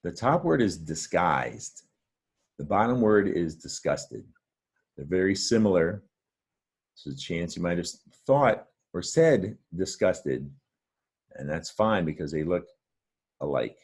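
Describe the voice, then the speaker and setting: A man with a very low, husky voice gives a reading lesson. He talks patiently and encouragingly, walking the listener through each word step by step. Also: expressive, slow, long pauses, a little mellow. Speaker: reading teacher. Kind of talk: friendly reading lesson to camera.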